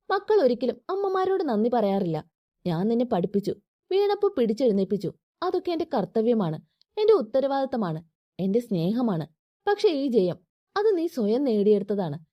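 A woman's voice: fairly high pitch, dry recording, muffled recording. A woman voicing a middle-aged mother who scolds and comforts her daughter in a storybook tale.

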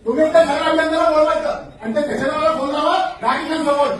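A man's voice: very high voice, level tone, fast. A man, a former local councillor, arguing insistently with an official and repeating his demands. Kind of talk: heated argument with an official. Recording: echoey room, far from the mic.

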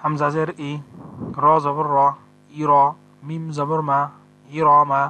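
A man teaching Quran reading step by step, spelling out each letter and vowel mark before slowly chanting the verse. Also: on the high side, monotone, pushed and bright. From Bangladesh. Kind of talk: step-by-step recitation lesson.

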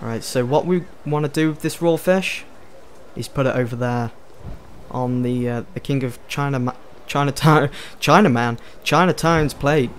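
A man's voice: mid-range voice, moderate pace, a little hiss or hum. A man hosting a casual let's play, chatting, joking and thinking aloud as he plays. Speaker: gaming video host. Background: game music.

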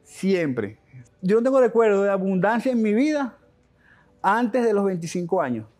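A young adult man with a Venezuelan accent, a guest telling his life story in an interview, animated and full of restarts and slang. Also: high voice. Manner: animated, fast-talking, with frequent restarts and slang.

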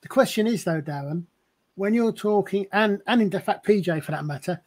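A man's voice: sits high, normal speed, darkish tone. A man from the UK co-hosting a podcast, talking about old TV in a hesitant way, stammering and restarting sentences. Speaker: podcast co-host. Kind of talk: casual chat about TV shows.

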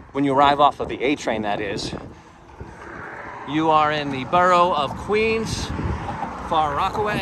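A chatty man with a slightly high voice walks along a seaside bridge footpath, narrating casually like a tour guide and wandering off on tangents for his walking tour vlog. Traffic and wind noise fill the outdoor street recording.

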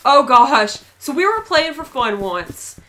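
A woman's voice: sits high, big pitch swings, slow pace, a bit bright, a little hiss or hum. A young woman in casual gaming chat with her mother, chatty and self-mocking as she narrates what she sees. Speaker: gamer, daughter playing with her mother.

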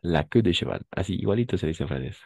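A man with a low, dark voice teaches French, patiently explaining and moving back and forth between French and Spanish. He is recorded close up, with a dry sound and no room around him. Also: expressive, quick pace, creaky, breathy edge, no echo. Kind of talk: online language lesson.

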